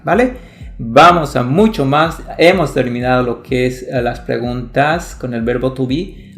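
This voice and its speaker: This is a male teacher, giving a step-by-step online grammar lesson. His mid-pitched voice carries a noticeable gravelly fry. He often pauses to check understanding with a quick "¿ok?", and soft music runs faintly behind him. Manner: explanatory, frequent "¿ok?" checks. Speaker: English teacher.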